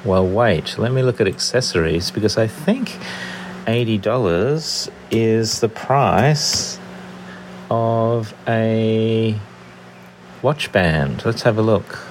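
A man's voice: on the low side, lively intonation, takes it slowly, a little hiss or hum. A man with an Australian accent leaving a rambling, chatty voice message that is played back on a show, thinking aloud as he browses. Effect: recorded voice message played on the show. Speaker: listener calling in. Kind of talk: casual voicemail chat.

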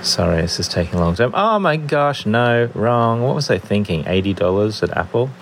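A man's voice: fairly low pitch, lively intonation, moderate pace, a little hiss or hum. A man with an Australian accent leaving a rambling, chatty voice message that is played back on a show, thinking aloud as he browses. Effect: recorded voice message played on the show. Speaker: listener calling in. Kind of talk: casual voicemail chat.

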